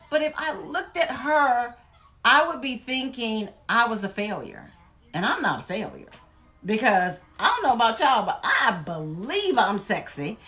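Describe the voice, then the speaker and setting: A woman from Louisiana talks straight to her viewers in an emphatic, folksy vlog. Her voice sits a little high, and she preaches with warm conviction. She leans hard on repeated phrases to drive her points home. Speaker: weight-loss vlogger. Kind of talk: motivational vlog talk.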